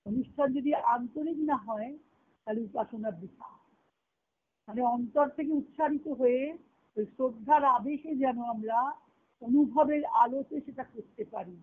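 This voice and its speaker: Over a tinny, narrowband conference-call line, a woman with a slightly high voice speaks at a normal speed, sounding thin and boxed-in. She is a spiritual teacher giving a devotional discourse, explaining reflectively and circling back to repeat key phrases.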